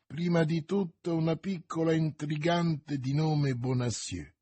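A man's voice: fairly high pitch, measured pace, mellow, breathy edge, no room sound, voice pushed up. A man voicing a cunning, vengeful noblewoman in an audiobook, speaking insistently and vehemently. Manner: insistent, vehement, raised intense delivery. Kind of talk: audiobook character reading.

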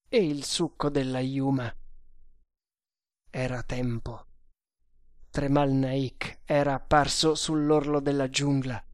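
A man reading an adventure novel aloud as narrator, slow and deliberate. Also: on the high side, a little mellow, no room sound, clean studio sound. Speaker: audiobook narrator.

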